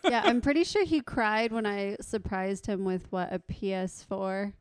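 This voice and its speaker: A woman's voice: medium pitch, unhurried, clear, resonant tone, no room sound. A woman co-hosting a casual chat, playfully teasing the others. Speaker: podcast co-host.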